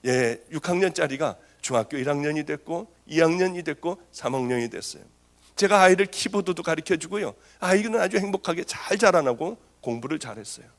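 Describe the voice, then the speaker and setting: A woman's voice: sits low, animated, brisk. A woman pastor giving a sermon testimony, telling her story with strong feeling and a voice that rises when she grows agitated.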